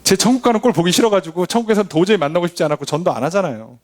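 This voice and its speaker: A man's voice: expressive, very fast. A man preaching a sermon as a pastor, asking rhetorical questions and acting out quoted voices. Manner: acts out quoted voices, shifting pitch often. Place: church.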